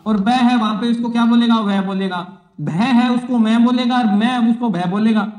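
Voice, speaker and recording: High-pitched teacher in echoey room. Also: male voice, fairly even intonation, normal speed, darkish tone. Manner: repetitive, drills phrases, asks and answers own questions. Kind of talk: exam-prep classroom lecture.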